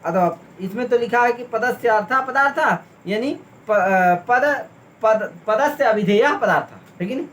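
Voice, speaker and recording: A man's voice: very high voice, lively intonation, unhurried, a bit bright. A man teaching a class, listing terms one by one and asking his students again and again whether they understood. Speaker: Sanskrit teacher. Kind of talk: classroom lesson, explaining a text.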